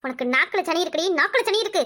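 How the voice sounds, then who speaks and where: Brief: woman voicing a quick-tempered village woman for a cartoon, Kanyakumari Tamil accent, very high and bright. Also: expressive, full character voice. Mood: possessed, commanding. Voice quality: shrill, scolding.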